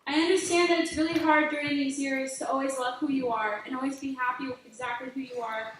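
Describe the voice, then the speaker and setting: A high-voiced teenage girl delivers a heartfelt graduation speech, earnest as she offers advice. Her voice echoes heavily around a large hall. She sounds distant from the mic, with a faint hiss underneath. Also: fairly even intonation, quick pace. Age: late teens. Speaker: graduating student speaker.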